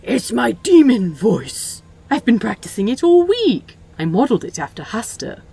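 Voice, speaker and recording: A woman's voice: fairly high pitch, very animated, normal speed, creaky, mellow, slightly rough, full character voice. A woman voicing a prim, polite male angel in a fan audio drama, earnest and genteel with a touch of indignation.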